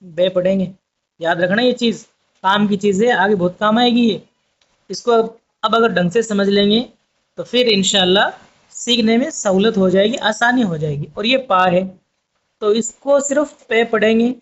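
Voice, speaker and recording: A man with a high voice teaches a language class, going patiently over each point and repeating it until it sticks. The sound is dull and lo-fi, like a budget home recording. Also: moderate pace, fairly bright tone. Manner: patient, repetitive explaining, addresses viewers as friends. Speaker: Urdu teacher. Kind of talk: online language lesson.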